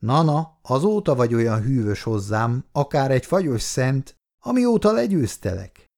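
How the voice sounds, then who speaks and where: A man's voice: mid-range voice, sing-song, gravelly, darkish tone, pitched above the performer's own voice. A man voicing a cocky, sporty young fiancé who speaks in a teasing, bantering way.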